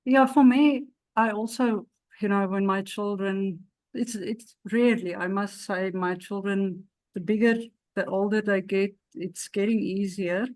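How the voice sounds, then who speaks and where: A woman guest on a podcast, speaking slowly and haltingly as she shares her parenting experience. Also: medium pitch, steady tone, darkish tone, no room sound. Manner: slow and measured, halting. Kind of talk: casual conversational sharing.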